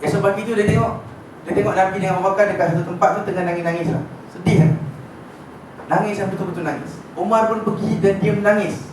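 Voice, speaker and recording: A man with a fairly high voice and a Malaysian accent gives an informal religious lecture, telling the story with lively energy and often stopping to check that his class is following. He is heard from across an echoey room, with steady background noise underneath. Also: fast, recorded from a distance.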